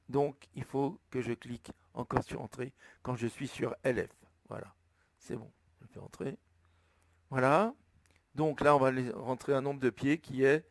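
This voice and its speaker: Man, French accent, tutorial narration, thinking aloud, dry close sound, mid pitch. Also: creaky, no room sound. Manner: slow step-by-step explaining, thinking aloud. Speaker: flight sim tutorial maker. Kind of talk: screen-recorded tutorial narration.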